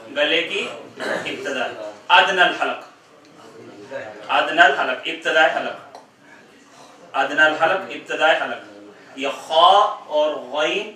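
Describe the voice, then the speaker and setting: Slow, echoing male recitation teacher. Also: fairly high pitch, bright, forceful tone. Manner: slow, drawn-out demonstration of letter sounds. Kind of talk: classroom tajweed lesson. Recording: echoey room, mic far off.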